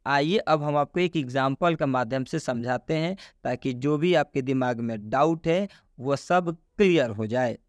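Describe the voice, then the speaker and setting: A man teaching English pronunciation, speaking slowly and repeating himself, often asking the viewer questions. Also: medium pitch, no room sound, clean studio sound. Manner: slow and repetitive, quizzing the viewer with questions. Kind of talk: classroom-style explanation in Hindi.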